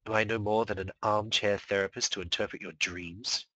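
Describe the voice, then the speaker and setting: Man doing a sulky dark inner spirit, hushed whisper, low and slow. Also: fairly even intonation, no room sound, low-quality recording.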